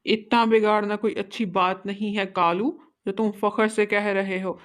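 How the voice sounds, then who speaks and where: A woman's voice: medium pitch, level tone, moderate pace, natural voice. A woman voicing a stern, judgmental male parrot in a cartoon, who lectures in a disapproving way. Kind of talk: cartoon voice acting.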